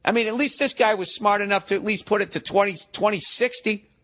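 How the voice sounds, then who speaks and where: A man in his forties hosts a comedic podcast, reading a listener email aloud and then ranting about it with sarcasm and profanity. His high voice is pushed and bright, fast but steady in tone, and he sounds mocking and exasperated.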